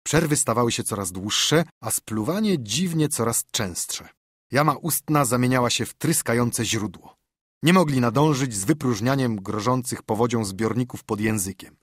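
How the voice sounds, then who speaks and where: A man narrating an audiobook in an expressive storytelling manner, recorded on a studio microphone. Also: mid-range voice, normal speed, husky, no echo.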